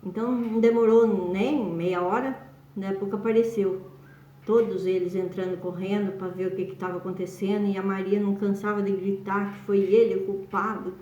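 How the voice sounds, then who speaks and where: Brief: storyteller, woman, mellow and warm, echoey dull room, rambling casual telling. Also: mid-range voice, fairly even intonation, brisk, a little hiss or hum. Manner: rambling, with frequent tag questions.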